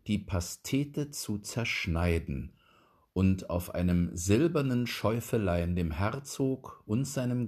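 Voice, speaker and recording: A man narrating a fairy tale aloud in a slow, expressive storytelling manner. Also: on the low side. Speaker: audiobook reader.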